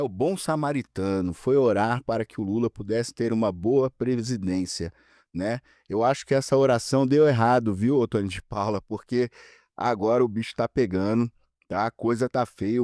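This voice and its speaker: A male commentator with a Brazilian accent speaks in an even middle pitch, sarcastic and chatty as he addresses viewers directly. The recording is dry and close, with no room sound. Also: no room sound. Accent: Brazilian Portuguese. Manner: sarcastic, talks straight to viewers. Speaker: political commentator. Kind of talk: casual political commentary.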